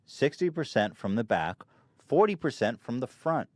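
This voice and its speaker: A man hosting a podcast, chatting casually in a mid-pitched voice that swings up and down a lot as he tells stories, swearing freely. The sound is dry and close, with no room echo. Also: normal speed. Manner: animated, profane storytelling. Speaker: podcast host. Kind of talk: casual chat. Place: podcast studio.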